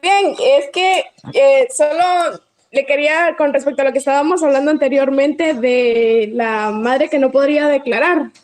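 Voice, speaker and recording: A woman's voice: high-pitched, measured pace, soft background music, poor audio. A woman law student asking a question in class, hesitant, with many restarts and self-corrections.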